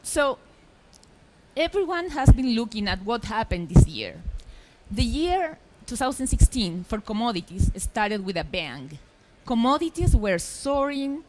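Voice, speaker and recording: A middle-aged woman from Chile, giving a lively, emphatic conference presentation from a stage microphone. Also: fairly high pitch, measured pace, poor audio. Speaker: journalist, conference speaker. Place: expo hall stage.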